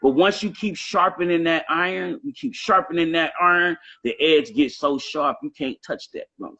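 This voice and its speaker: On a live show stream, a Southern US-accented rapper in his late thirties talks casually, emphatic, repetitive, and swearing heavily. His voice is on the high side with a sharp tone at a moderate pace, recorded with lo-fi sound.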